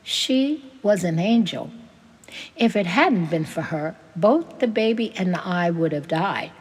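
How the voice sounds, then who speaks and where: A woman voicing a grieving older immigrant farm woman, telling old family memories in a gentle, tearful way. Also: on the low side, expressive, slow, slightly rough, long reverb tail, heavily acted. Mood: wistful.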